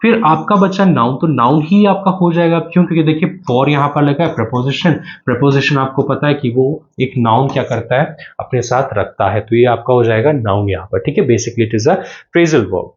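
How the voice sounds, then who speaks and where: A man's voice: mid-range voice, moderate pace, few pauses. A man teaching English grammar for an exam, mixing English terms into his explanations and checking in often with "theek hai". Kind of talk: exam-prep grammar lesson. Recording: slightly dull lo-fi audio.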